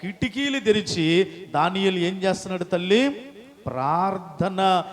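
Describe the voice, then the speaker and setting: A man's voice: sits high, moderate pace, in a large hall. A male pastor preaching a call-and-response sermon, rousing the congregation to repeat after him.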